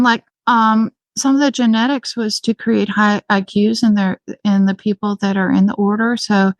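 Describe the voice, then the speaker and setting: A woman's voice: medium pitch, no echo. A woman speaking as an interview guest, talking earnestly with frequent ums and restarts. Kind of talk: remote interview conversation.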